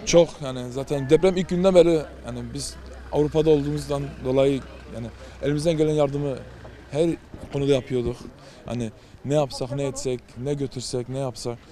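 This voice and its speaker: A man volunteer answers an interviewer's questions outdoors in a town street. He speaks earnestly in a halting way, pausing and restarting his sentences. His voice is dark and mellow at an ordinary pitch. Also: steady tone.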